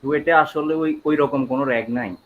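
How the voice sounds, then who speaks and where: A young male university student joining an online Q&A, answering in a relaxed, reassuring way. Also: fairly high pitch, brisk, slight background noise. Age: young adult. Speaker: senior student guest. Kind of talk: casual online Q&A. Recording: dull muffled call audio.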